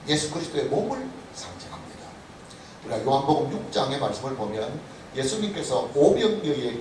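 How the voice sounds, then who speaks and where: Animated male pastor preaching in an echoey hall. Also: mid-range voice. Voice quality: animated preaching with sharp rises and drops in emphasis. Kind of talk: expository sermon. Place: church sanctuary. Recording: echoey church hall, speaker far from the mic, light background noise.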